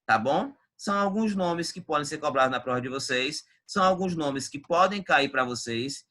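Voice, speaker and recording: A man's voice: a little high, lively intonation, moderate pace, sharp tone. A male Portuguese teacher, giving an emphatic, chatty exam-prep video lesson.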